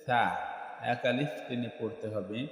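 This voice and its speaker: Slow Bengali-speaking man teaching Quran letters in an echoey room. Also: mid-range voice, fairly even intonation. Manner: slow, measured, drawn-out letter pronunciation. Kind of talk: teaching the Arabic alphabet. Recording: heavily echoey room with long reverb.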